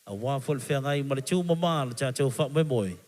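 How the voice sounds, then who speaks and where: A man's voice: mid-range voice, animated, brisk, a little mellow. A man with a Samoan accent works as a live event MC, hyping the crowd and switching between two languages as he announces. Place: live variety show stage.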